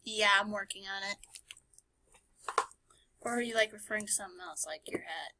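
A woman's voice: medium pitch, moderate pace, noisy background. A woman giving casual, playful and sarcastic commentary as she plays a game. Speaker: gamer narrating a playthrough. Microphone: screen recording voice-over.

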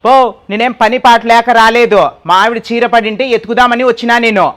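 A man in a comedy skit complains indignantly to his neighbors. His voice is very high and bright, and he speaks fast, pleading and protesting. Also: fairly even intonation.

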